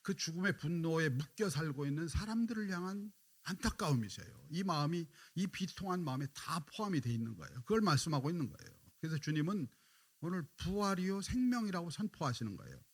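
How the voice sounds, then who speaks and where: A male pastor giving a dawn prayer sermon. He puts questions to the congregation and answers them himself, and he goes quiet and slow when he quotes Jesus. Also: a little high, sing-song, slightly rough. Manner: drops to quiet, drawn-out lines when quoting Jesus.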